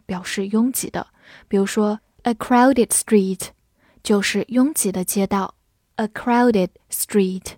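A woman teaching English vocabulary, spelling words out letter by letter and reading example sentences slowly for students to repeat. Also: medium pitch, darkish tone, no room sound, studio quality. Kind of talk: vocabulary lesson.

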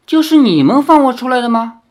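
A reader voicing an arrogant, towering male demon emperor in an audiobook, talking in a loud, haughty way. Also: big pitch swings, moderate pace. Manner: loud, haughty, booming laugh. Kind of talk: dramatic audiobook character voice.

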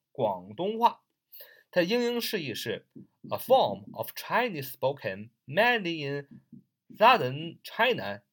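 A man teaching English vocabulary in a chatty, friendly way, spelling words out slowly letter by letter and repeating them often. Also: mid-range voice. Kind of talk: recorded vocabulary lesson.

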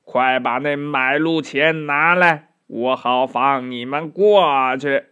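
A man voicing a blustering, bossy bandit chief in a children's storybook reading, with a gruff, barking manner. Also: mid-range voice, takes it slowly, sharp tone, dull audio. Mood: menacing.

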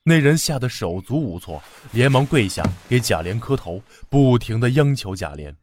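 A man narrating a classic tale for children in a gentle, expressive way. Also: medium pitch, normal speed, slight background noise. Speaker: storyteller.

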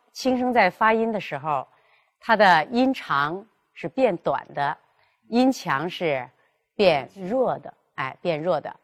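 A woman teaching a pronunciation class, explaining and demonstrating tones in a clear, measured way. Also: medium pitch. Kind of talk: classroom lesson.

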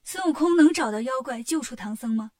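A woman telling a story for children with a lively, expressive delivery. Her voice sits a little high and she leans into the exciting moments. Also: brisk.

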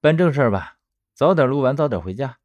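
A man's voice: a little high, animated, normal speed, no room sound, lo-fi sound. A man voicing a wry young sidekick in an audiobook drama, dry and mocking. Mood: matter-of-fact.

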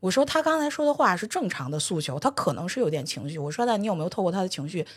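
A middle-aged woman, a guest telling a workplace story in expressive casual chat, acting out quoted lines. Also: on the low side, rapid-fire, slightly rough. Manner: expressive, quotes people with voices.

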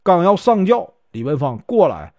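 A man telling a folk tale in a lively, chatty way, with drawn-out fillers. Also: high-pitched, lo-fi sound. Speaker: storyteller. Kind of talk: folk storytelling narration.

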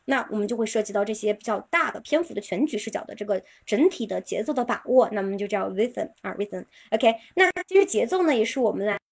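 A woman teaching English pronunciation in a live-stream lesson. She explains patiently with many drawn-out filler particles and slows down to model English sentences. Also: medium pitch, animated, vocal fry, husky.

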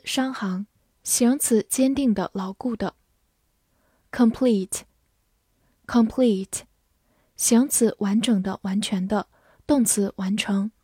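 A woman teaching English vocabulary, spelling words letter by letter and repeating example sentences slowly. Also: on the high side, a little mellow, breathy edge, no echo, clean studio sound. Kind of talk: slow, clear vocabulary lesson.

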